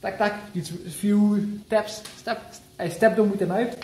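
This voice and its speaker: A man's voice: high-pitched, fairly even intonation, unhurried, a little mellow, slight background noise. Playful man cooking at home. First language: Dutch. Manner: playful, jokey, restarts mid-phrase. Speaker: cooking vlogger. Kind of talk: casual cooking demo. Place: home kitchen. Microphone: camera mic, handheld and moving. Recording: echoey kitchen with frying sizzle.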